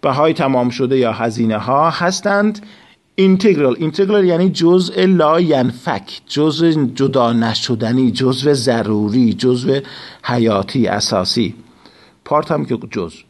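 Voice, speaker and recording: A male teacher who reads English sentences slowly and word by word before explaining them. He uses a measured, patient classroom delivery. His voice sits in an ordinary middle pitch. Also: lively intonation. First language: Persian. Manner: slow, deliberate reading of English phrases, then explains in Persian. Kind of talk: recorded class lesson.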